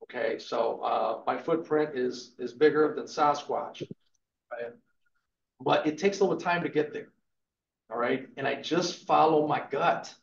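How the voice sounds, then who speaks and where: A man's voice: medium pitch, a little slow, creaky. A man in his fifties giving an emphatic, motivational real estate lecture to a live class, punctuating points with "okay". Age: 50s. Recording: echoey room, dull lo-fi sound.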